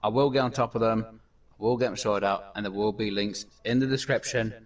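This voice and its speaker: A gaming channel host delivers casual gameplay commentary in a rambling way, full of fillers and restarts. His voice is lowish and steady, he talks fairly quickly, and the mic sits at a distance.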